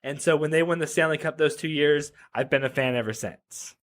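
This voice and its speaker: Talking a little quickly at a fairly high pitch, this thirty-something web developer from Reno, Nevada, guests on a podcast. The interview is loose and casual, peppered with jokes, "like" fillers and false starts.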